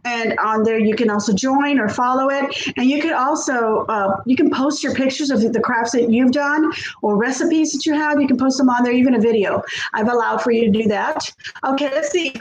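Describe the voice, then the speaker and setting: Her voice sits high and moves at normal speed as this Texan-accented woman in her fifties, from South Texas, rambles cheerfully through a live cooking stream. The home kitchen sounds reverberant, and the low-quality audio has slight background noise. She laughs a lot and tends to trail off.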